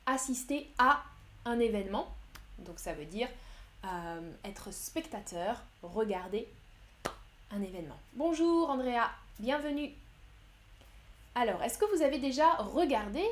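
Slow, clear French teacher woman. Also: a little high, fairly bright tone. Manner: slow and clear, explains words with synonyms. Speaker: French teacher streaming a lesson. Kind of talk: live-streamed language lesson, reading chat.

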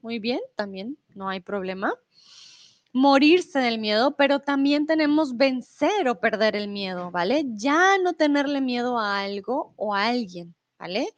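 A woman's voice: a little high, animated, a little slow, dull audio. A young woman teaching Spanish in a live online lesson, reading out viewer comments and explaining things in a friendly, patient way, sometimes in English.

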